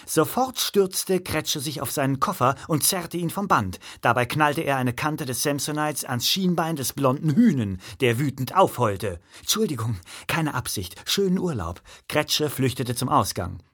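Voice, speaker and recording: Man, audiobook narration, lively intonation, wry delivery. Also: medium pitch, a little slow, hardly any pauses. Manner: expressive, wry storytelling.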